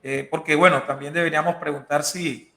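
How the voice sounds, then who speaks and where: Gravelly, bright-voiced host in an echoey room. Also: male voice, a little high, steady tone, brisk. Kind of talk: hosting a church discussion program.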